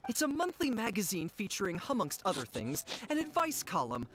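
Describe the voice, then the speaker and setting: A woman's voice: mid-range voice, wildly swooping pitch, fairly quick, faint music behind, low-quality recording. A woman voicing a zealous adult fan-club leader in a video game, who speaks in a preachy, rousing manner. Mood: coaxing.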